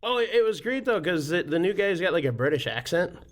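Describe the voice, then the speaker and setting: Excitable guy on a beer podcast, voice jumps all over, laughs a ton. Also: high-pitched, fast talker. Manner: animated, laughs often, excitable. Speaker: podcast co-host. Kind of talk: casual beer podcast chat.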